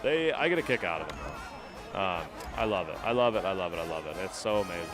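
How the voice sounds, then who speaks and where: A man's voice: low voice, expressive, quick pace, music in the background. An American man streaming a video game, chatting casually and telling rambling stories with some swearing. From United States. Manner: rambling storyteller, swears, laughs. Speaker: gaming streamer. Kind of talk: casual chat while playing.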